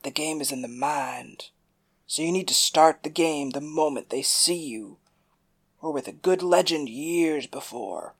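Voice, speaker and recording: A woman voicing a boastful, smooth-talking male gunslinger in an audiobook. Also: low-pitched, measured pace, exaggerated voice. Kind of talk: audiobook character voice.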